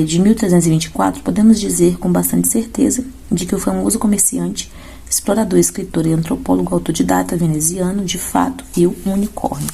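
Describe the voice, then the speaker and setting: A woman teacher walks through exam questions, explaining each answer and checking in with her students. Her voice is low and gravelly, with a husky edge. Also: mellow. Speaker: Portuguese teacher. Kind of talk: exam-prep lesson going through questions.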